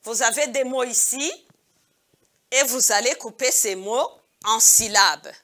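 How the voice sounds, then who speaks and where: Female kindergarten teacher, very slow and patient, bright tone, repeats each word twice for small children. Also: fairly high pitch. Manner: addresses pupils as "mes amis". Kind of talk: recorded video lesson for young children.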